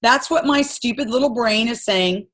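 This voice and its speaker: A woman's voice: fairly high pitch, moderate pace, a bit bright. A woman coaching her sales team on a group call, giving an impassioned, rambling pep talk full of stories.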